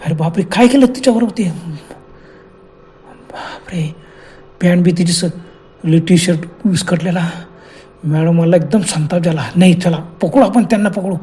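A man narrating a horror story in a slow, emphatic, repetitive way. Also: high-pitched, dark tone.

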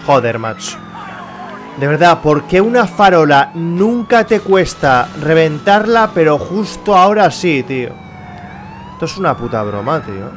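Swearing Spanish gamer, fed up. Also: male voice, on the high side, expressive, a little slow. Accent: Spain Spanish. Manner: exasperated, swears often, talks to game characters. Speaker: gameplay streamer. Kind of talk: casual gameplay commentary. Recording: faint background music and game car sounds.

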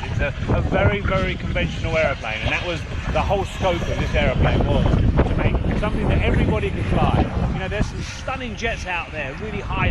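Man, easygoing pilot, higher voice, outdoor field recording with heavy engine and wind noise. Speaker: pilot flying a model jet. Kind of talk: casual explanation while flying. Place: outdoors at an airfield. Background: jet turbine and wind.

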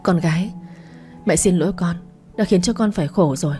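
A woman's voice: on the low side, fairly quick, warm tone, faint music behind, lightly acted. A woman voicing a grieving mother who speaks with choked earnestness. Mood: grave. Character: grieving mother, firm and tearful.

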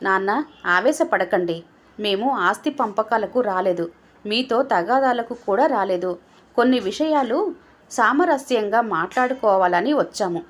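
A woman voicing a patient grown son who pleads calmly with his father in a storybook reading. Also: mid-range voice, unhurried. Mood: earnest pleading. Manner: earnest, pleading.

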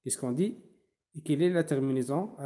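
A man teaching French verbs in a class, slow and patient, spelling out endings letter by letter and switching to to explain. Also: fairly high pitch, warm tone. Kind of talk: online language class.

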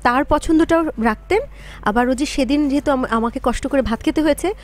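A woman guest in a radio studio interview, picking her words with care, with pauses and fillers. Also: sits high. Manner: thoughtful, careful wording with many pauses and fillers.

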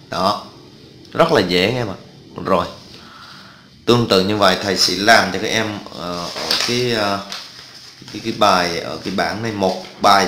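A man's voice: on the low side, a bit bright. A man teaching a math lesson in a casual, chatty way, often stopping to ask students whether they follow. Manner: chatty, asks students checking questions often. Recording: echoey room.

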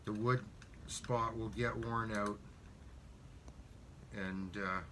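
A man's voice: lowish voice, steady tone, very slow. A man in his fifties casually talking through a sled rebuild in his workshop, muttering to himself as he works. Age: 50s. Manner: chatty, mutters to himself while working. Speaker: DIY sled restorer. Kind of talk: casual work-along narration. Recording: loud workshop noise behind voice.

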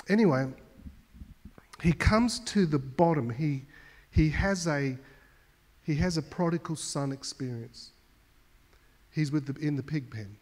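A man's voice: a little high, darkish tone. A male pastor preaching a sermon, telling a story with emphasis and often repeating words as he goes.

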